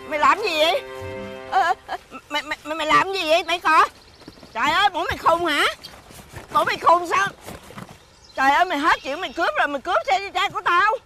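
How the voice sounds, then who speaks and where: A middle-aged woman with a Southern Vietnamese accent playing a brash, sharp-tongued aunt who buys scrap, scolding as she talks. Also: very high voice, music in the background. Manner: scolding, calls out her wares in a drawn-out street cry. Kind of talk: rural family TV drama.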